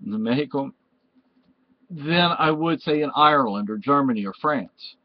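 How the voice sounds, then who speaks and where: A man's voice: mid-range voice, lively intonation, normal speed, no room sound, muffled recording. A Spanish-born man with Spanish as his first language, hosting a home vlog in a rambling, meandering way that keeps correcting itself. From Spain. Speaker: vlog host. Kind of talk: casual rambling chat to camera.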